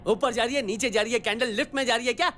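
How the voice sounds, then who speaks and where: A young actor dubbing a nephew in a comedy film, calm and teasing, a little impatient with his uncle. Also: very high voice, racing, a little hiss or hum.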